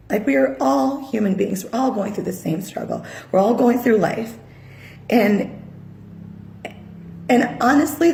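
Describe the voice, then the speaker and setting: A woman from Sri Lanka speaks as an upset mother in a personal video appeal, earnest and halting with frequent fillers. Her voice sits at a middle pitch with a gravelly, creaky edge. The recording carries the echo of a roomy space. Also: darkish tone. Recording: echoey room.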